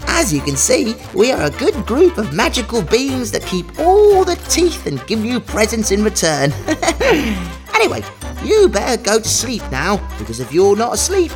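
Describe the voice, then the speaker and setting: For a children's listening exercise, a woman with a fairly high, wildly swooping voice plays a boastful, gleeful magical mouse who collects teeth. Speaking at normal speed over background music, she exclaims and giggles like an overbright party host, sounding excited and playful.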